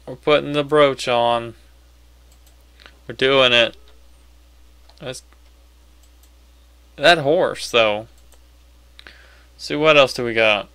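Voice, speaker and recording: A man's voice: mid-range voice, fairly bright tone, smooth. A man giving casual video game commentary, talking to himself and reading on-screen text aloud. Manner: self-talking, casually reacting. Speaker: gamer playing on commentary.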